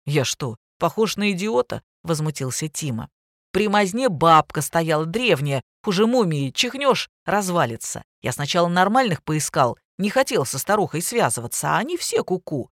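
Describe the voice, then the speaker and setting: A teenage boy full of slang and impatience, as a woman narrator puts him on. He gripes and complains in a quick, cheeky way. The recording is dry and close. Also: on the low side, sing-song, no echo. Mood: indignant. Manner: slangy, griping. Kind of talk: audiobook reading.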